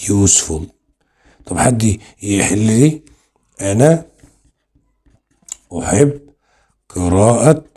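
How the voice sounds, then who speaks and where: Low-voiced Egyptian grammar teacher. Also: male voice, dark tone. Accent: Egyptian Arabic. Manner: explains step by step, asks and answers his own questions. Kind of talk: online grammar lesson.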